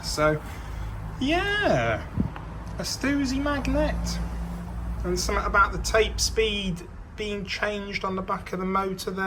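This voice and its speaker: A British man gives a casual, unscripted show-and-tell as a vintage audio collector presenting a machine, thinking aloud and hesitantly correcting himself. His voice is medium-pitched, and there's background noise.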